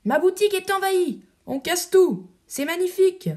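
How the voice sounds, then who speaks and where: A woman reading the part of an excitable male pastry cook in an audiobook play, exclaiming in a flustered way. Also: sits high, measured pace, breathy edge, pitched above the performer's own voice, full character voice. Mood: alarmed.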